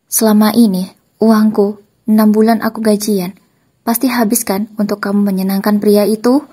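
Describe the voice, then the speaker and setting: A woman's voice: mid-range voice, level tone, moderate pace, darkish tone, husky. Woman playing a coldly furious betrayed husband. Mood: stern. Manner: stern, threatening. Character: betrayed husband, cold and angry.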